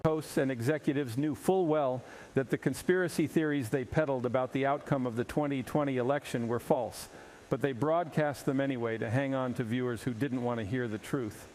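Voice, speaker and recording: A man's voice: mid-range voice, brisk, a little mellow, natural voice. A man playing an evasive, defensive sports league commissioner in a parody news interview, speaking formally and long-windedly. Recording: clearly noisy background.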